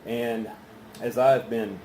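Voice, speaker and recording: A man chatting casually through a solo review in an unhurried, halting, rambling way, with pauses. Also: medium pitch, steady tone, darkish tone. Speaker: pipe tobacco reviewer. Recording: roomy echo, faint background noise.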